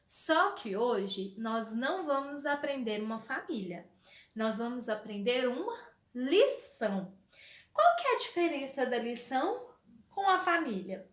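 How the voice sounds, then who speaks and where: Slow sing-song woman teacher, echoey room. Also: high-pitched, sing-song. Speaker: primary school teacher. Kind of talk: recorded online lesson for young children.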